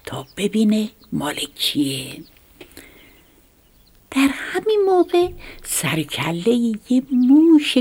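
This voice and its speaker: Woman storyteller, low gravelly whisper, lively contour, whispered role-play fable reading. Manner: soft whispered bedtime-story narration.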